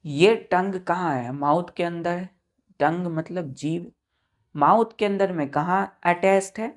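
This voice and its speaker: A woman's voice: on the low side, a little slow. A woman with an Indian accent teaching a school science class, spelling words letter by letter and often checking that the children understand. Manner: patient, repeats and checks with "clear?".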